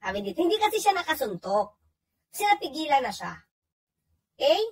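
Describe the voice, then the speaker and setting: A woman's voice: sits high, sing-song, fairly quick, poor audio. A woman co-hosting a casual talk show, reading English passages aloud and commenting on them in Tagalog. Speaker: co-host.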